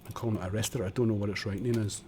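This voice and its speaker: A man's voice: lowish voice, fairly even intonation, rapid-fire, a little mellow, a little hiss or hum. A man streaming a building game, chatting and muttering casually as he works, on a desk microphone at home. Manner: chatty, muttering while building, self-deprecating. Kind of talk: casual live-stream tutorial commentary. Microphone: desk condenser microphone.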